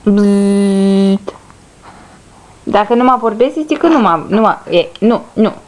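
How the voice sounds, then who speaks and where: A woman's voice: a little high, expressive, slight background noise. Sing-song mother coaxing her baby. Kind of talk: baby talk to her infant daughter.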